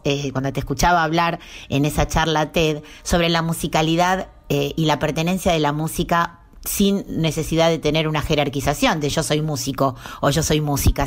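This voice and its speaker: Woman, deep voice, interviewer, curious. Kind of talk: conversational interview questions.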